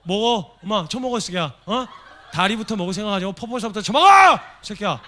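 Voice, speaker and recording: A preacher voicing Jesus as a rough-talking man who berates his disciple with coarse, mock-angry words. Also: high voice, sing-song, normal speed, fairly bright tone, slight background noise, pitched above the performer's own voice. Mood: rowdy, scolding. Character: gruff male Jesus scolding his disciple.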